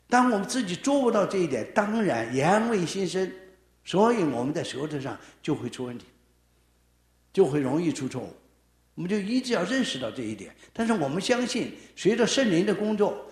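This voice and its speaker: Animated male preacher in an echoey room. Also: on the high side. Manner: animated, emphatic delivery with rising and falling emphasis. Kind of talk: sermon.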